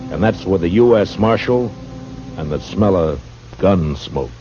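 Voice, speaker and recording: Steady dry frontier lawman, low voice, muffled old radio broadcast. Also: a little slow, soft background music. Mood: grave. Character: calm, tough frontier lawman, grown man. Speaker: lead actor as U.S. marshal. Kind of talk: 1950s radio drama acting.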